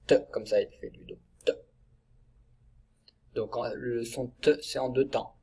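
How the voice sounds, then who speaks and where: A man teaching a reading lesson to young children, sounding out syllables slowly and clearly. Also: medium pitch, fairly even intonation, darkish tone.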